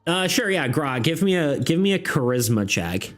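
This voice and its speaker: A man's voice: fairly high pitch, sing-song, moderate pace, fairly bright tone. A man running a tabletop game on a live stream, rambling casually, laughing often and asking his chat for ideas. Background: faint background music.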